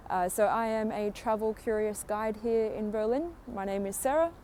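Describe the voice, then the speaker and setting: An Australian woman in her thirties, working as a tour guide, chats through a live walking tour on a sunny street, using many "uh" fillers. Her mid-range voice is mellow and at normal speed, picked up on a phone microphone with slight background noise.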